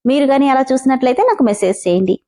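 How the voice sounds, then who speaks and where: Female channel host narrating a serial story; high pitch, soft dark tone, friendly. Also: sing-song, fast. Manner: friendly direct address to listeners. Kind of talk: reading a serialized story aloud.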